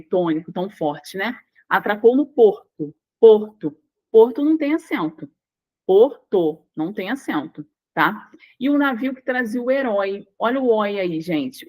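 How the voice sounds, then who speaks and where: A Brazilian woman gives an online Portuguese lesson for exam prep in a mid-pitched voice. She works through each answer step by step and leans hard on stressed syllables. She keeps checking that her students follow along. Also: poor audio. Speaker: Portuguese language teacher.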